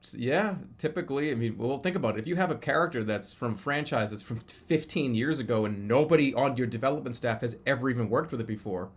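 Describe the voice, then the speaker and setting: Talking fast with few pauses in a medium-pitched voice, this thirty-something live streamer chats casually, rambling and often restarting or repeating what he says.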